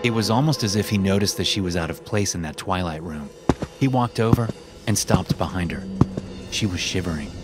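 A young man narrating a horror story in a tense, hushed voice, swearing casually. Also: deep voice, brisk. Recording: narration over loud music.

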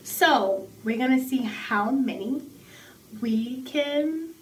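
A woman, chatting and joking to camera in an animated way, often repeating phrases. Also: high-pitched, slow pace. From the Bronx, New York. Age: 20s. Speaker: vlog host. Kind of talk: casual joking chat to camera. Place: small indoor room at home, camera a little away. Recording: slightly noisy, distant home recording.

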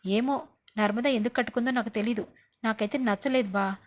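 A woman's voice: fairly high pitch, brisk. A woman casually recapping a TV serial episode, acting out the characters' lines as she goes. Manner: lively, acts out characters' lines.

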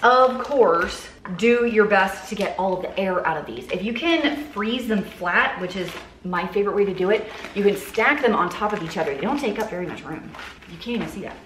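A woman's voice: medium pitch, lively intonation, brisk, fairly bright tone. A woman in her thirties chats upbeat and self-mocking as she preps meals in a home kitchen. The room rings with echo, and a faint noise sits under her voice. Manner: chatty, upbeat, self-joking asides. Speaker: cooking vlogger. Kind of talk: casual kitchen vlog talk. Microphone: camera on counter at mid distance.

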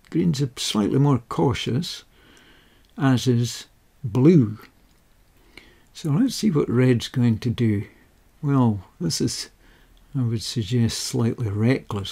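A man speaking at an unhurried, deliberate pace, with a gravelly, husky edge to his voice. His tone is dark and mellow, and he talks in a measured, methodical way with a touch of dry understatement. It sounds like a close-mic voice-over. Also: mid-range voice. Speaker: game rules explainer. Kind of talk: slow explanatory voice-over.

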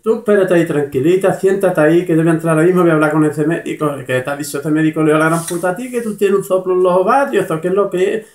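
A man voicing a frantic, foul-mouthed mother who scolds and swears in a shrill, high voice. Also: fairly even intonation, racing, hardly any pauses, a little mellow, roomy sound, lightly acted. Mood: alarmed.

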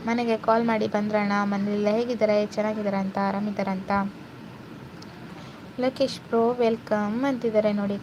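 A young woman hosting a casual live stream, reading out viewer comments and chatting with them. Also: mid-range voice. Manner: chatty, warm greetings to viewers, mixes English words. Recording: noisy phone live stream.

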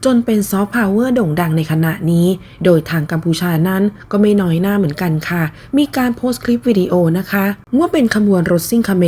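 A woman narrating online news in a scripted, polite, steady read-aloud manner with soft sentence endings. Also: mid-range voice, husky.

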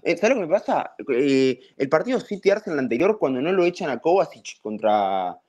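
Man, Argentine accent, hoarse, angry, fast ranting, swearing, on a video call. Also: fairly high pitch, very animated, darkish tone. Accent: Argentine Spanish. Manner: furious, ranting, swearing, repeats himself. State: hoarse voice from shouting goals. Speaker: guest on football reaction stream. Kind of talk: heated football rant on a video call.

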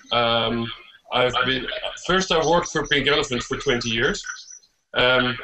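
A wry, joking man chats casually on a remote call. His voice is mid-pitched. Clear background noise runs under his voice. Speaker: conference panelist.

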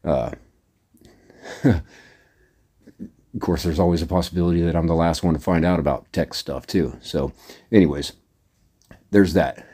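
Deep, mellow-voiced rambling trucker man. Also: moderate pace, long pauses, breathy edge. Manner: rambling, plain-spoken, many "uh"s and "anyways". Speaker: trucker vlogger. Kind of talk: casual monologue to camera.

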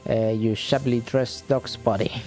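Haughty spoiled boy duke read by a man, pompous and commanding, mellow tone, game dialogue. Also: medium pitch, fairly even intonation, normal speed, soft background music, close to an everyday voice. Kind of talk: reading game dialogue aloud.

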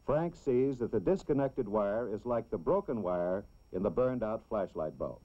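An American man reads scripted narration like a 1960s educational film, explaining things simply and deliberately for children. His voice is fairly low, mellow and lively in intonation. The sound is dull and lo-fi, like an old film soundtrack.

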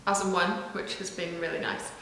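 A woman's voice: on the low side, flat delivery, brisk, fairly bright tone. Chatty knitwear vlogger, woman, recorded on the camera mic in a large echoey room with faint background noise. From northwest England. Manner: chatty, self-deprecating, many ums and asides. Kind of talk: casual chat to camera.

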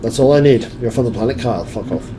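A man's voice: medium pitch, fast, low-quality recording. Crude, teasing male gamer. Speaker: let's play gamer. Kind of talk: crude improvised banter over gameplay. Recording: home recording with clear background noise.

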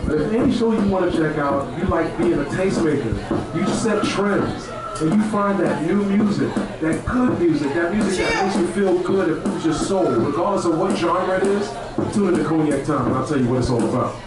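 A radio show host and interviewer emcees a night festival event from a rooftop bar stage, using a handheld stage mic. His fairly high, brisk voice delivers casual, slangy, jive-talking banter with repeated phrases, heard from afar through an echoey live PA over a loud crowd.

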